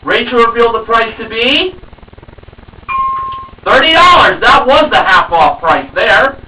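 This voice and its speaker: A man narrating a game show recap in an excitable way, drawing out phrases for suspense. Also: very high voice, unhurried. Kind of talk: narrated recap with dramatic build-up. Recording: roomy, distant mic with background noise.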